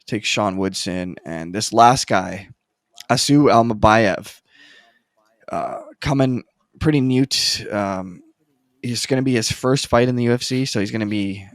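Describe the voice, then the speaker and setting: Man, low voice, dry close sound, relaxed, hesitant sports chat co-host. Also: unhurried, no room sound. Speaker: co-host making fight picks. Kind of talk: casual chat.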